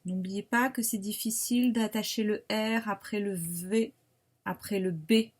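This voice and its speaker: A woman primary school teacher with a French accent, giving a slow, patient syllable dictation in a remote phonics lesson, sounding out each syllable carefully. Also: medium pitch, steady tone.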